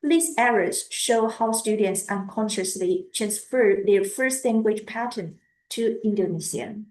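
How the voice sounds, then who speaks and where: A woman giving a lecture on language teaching, speaking haltingly and repeating words as she goes. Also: mid-range voice, a little mellow, echoey room, rough recording.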